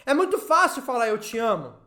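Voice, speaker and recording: A woman pastor with a Brazilian Portuguese accent, preaching a sermon at an online church service, swinging from loud emphatic urging to low, quiet asides. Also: big pitch swings, brisk.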